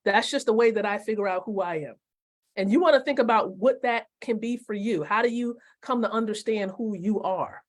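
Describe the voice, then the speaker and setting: A woman in her forties teaching network marketing on a live stream, emphatic and repeating her key points slowly while asking viewers questions. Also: mid-range voice. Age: 40s.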